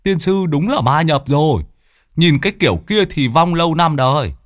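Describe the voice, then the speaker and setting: A man's voice: on the high side, lively intonation, moderate pace, no room sound, studio quality, voice pushed up, close to an everyday voice. A man voicing a touchy middle-aged cook who snaps and grumbles resentfully. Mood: irritated.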